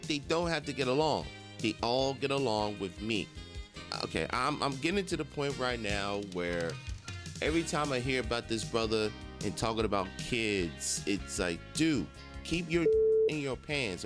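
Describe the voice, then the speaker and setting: A man's voice: medium pitch, expressive, normal speed. Male morning radio host over music. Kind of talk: conversational entertainment report.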